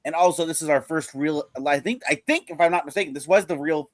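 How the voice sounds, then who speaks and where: Thoughtful man, slightly high voice. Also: quick pace. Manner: thoughtful, hedging. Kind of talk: casual chat.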